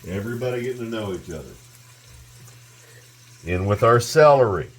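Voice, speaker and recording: Man, cooking host, low voice, chatty, casual tutorial, home kitchen, faint background hiss. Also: animated, normal speed. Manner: chatty, keeps addressing viewers as guys.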